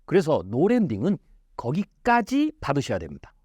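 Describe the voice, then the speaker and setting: A man's voice: on the high side, wildly swooping pitch, moderate pace, darkish tone, slightly rough, no room sound, studio quality. A man as an interview guest, explaining in an emphatic way with rhetorical questions. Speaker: futurist guest.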